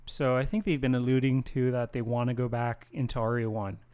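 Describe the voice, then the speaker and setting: A man with a smooth, clear voice chatting on a gaming podcast. He is laid-back, drops casual swears and talks among friends. His pitch sits in an ordinary middle range. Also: level tone, brisk, darkish tone. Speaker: podcast co-host. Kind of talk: casual chat.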